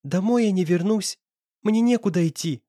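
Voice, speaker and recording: Male narrator doing a desperate young girlfriend, high and wobbly, pleading, dry close read. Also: moderate pace, warm tone, no room sound. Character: young woman, tearful and pleading.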